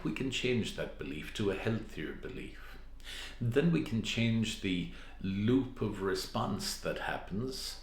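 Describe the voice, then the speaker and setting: A man with a lowish voice talks at a very slow, measured pace, like a hypnotist. He explains things step by step to the listener as a therapist would. The sound is roomy and echoing.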